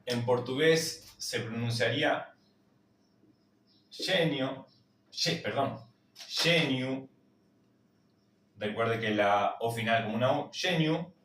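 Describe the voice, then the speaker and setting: A man with an Argentine accent teaching a language lesson, repeating each word slowly to drill its pronunciation. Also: medium pitch, a bit bright, roomy sound, far from the mic. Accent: Argentine Spanish. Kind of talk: slow spoken lesson.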